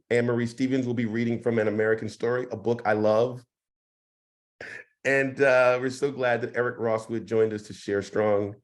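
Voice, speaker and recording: A man with a hoarse, partly lost voice, hosting a casual interview in an encouraging, appreciative way. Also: mid-range voice, darkish tone. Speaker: host.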